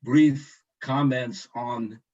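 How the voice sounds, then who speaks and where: A man from the United States speaks slowly and deliberately, pausing often on fillers. His voice sits at an ordinary pitch. The video-call sound is dull and lo-fi. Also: fairly even intonation, a little mellow. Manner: slow, measured, with many hesitations. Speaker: guest commenter. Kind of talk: online discussion remarks.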